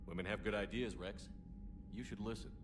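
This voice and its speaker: An actor playing a steady, dutiful military starship commander in a video game, brisk and matter-of-fact. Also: male voice, lowish voice, natural voice. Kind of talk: video game character acting. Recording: noisy game audio capture.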